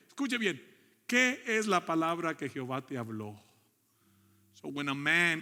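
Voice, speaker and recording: Middle-aged male pastor, forceful preaching with congregational asides, big church echo. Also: on the high side, creaky. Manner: preaching with call-and-response asides, switching into English. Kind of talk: bilingual church sermon. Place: church sanctuary. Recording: long church hall reverb.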